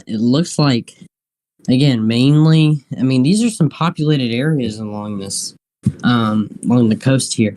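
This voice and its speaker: A man with a mid-pitched voice hosts live weather coverage. He speaks off the cuff and haltingly, often circling back over the same phrases as he thinks aloud. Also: a little mellow, low-quality recording. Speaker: live weather stream host. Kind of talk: unscripted live weather commentary.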